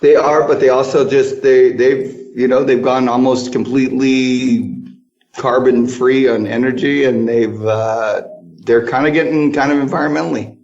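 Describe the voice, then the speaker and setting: A man's voice: medium pitch, moderate pace, dull audio. Storytelling man in a tiled bathroom. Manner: storytelling, animated, laughs while talking. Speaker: podcast co-host. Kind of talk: casual chat.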